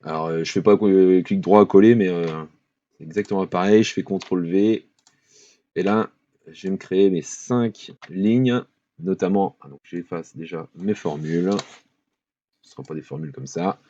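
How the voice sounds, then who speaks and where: A man, walking viewers through a spreadsheet in a relaxed screen-recorded tutorial, thinking aloud with fillers and small apologies. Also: deep voice, moderate pace. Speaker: finance tutorial host. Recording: dull lo-fi voice-over with keyboard clicks.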